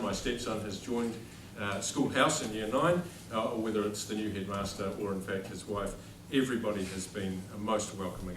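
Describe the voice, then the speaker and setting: A lowish-voiced, middle-aged New Zealander, a headmaster, delivers a self-deprecating after-dinner speech with dry jokes to a large dining hall at a formal dinner, unamplified. He was recorded from across the room, so the audio is distant and echoey with background noise.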